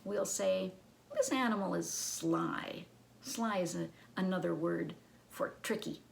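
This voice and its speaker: A children's librarian and storyteller gives an educational talk to kids, teacherly in manner, offering simple explanations and posing rhetorical questions. Her voice sits lowish and moves slowly, creaky with a slight hiss or hum.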